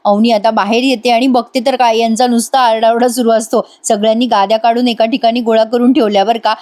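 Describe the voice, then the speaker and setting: A chatty woman narrating a soap episode as a casual voice-over, talking straight to her viewers. Her voice sits a bit high. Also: flat delivery, fast, darkish tone. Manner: chatty, giggly, addresses viewers. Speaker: serial episode reviewer. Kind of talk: casual voice-over story retelling.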